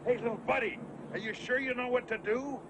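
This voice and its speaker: An actor playing a hearty male boat captain who fondly scolds his bumbling friend in a booming way. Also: fairly even intonation, a little fast, noisy background.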